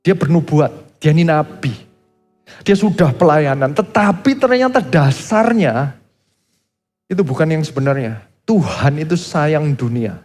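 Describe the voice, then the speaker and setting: A man's voice: fairly high pitch, big pitch swings, unhurried, a little mellow. A middle-aged Indonesian pastor preaching a sermon, telling stories animatedly and acting out the voices of the people he quotes. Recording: reverberant church hall with faint music.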